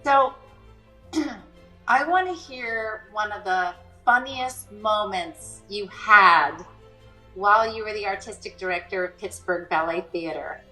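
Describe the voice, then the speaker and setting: Bright, slow-talking woman interviewer. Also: mid-range voice, lively intonation, roomy sound, faint music behind, poor audio. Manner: enthusiastic, asks leading questions. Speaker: interviewer, incoming artistic director. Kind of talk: hosted conversation.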